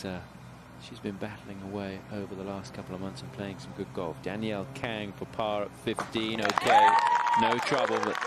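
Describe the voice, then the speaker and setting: A man giving live play-by-play as a golf commentator. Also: on the low side. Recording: very noisy outdoor crowd behind voice. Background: crowd and loud outdoor noise.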